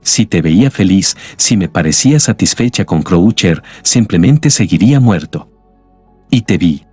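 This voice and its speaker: A man voicing a weary, scarred man in an audiobook, speaking quietly and ruefully. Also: sits low, expressive, measured pace, husky, no echo, soft background music, full character voice.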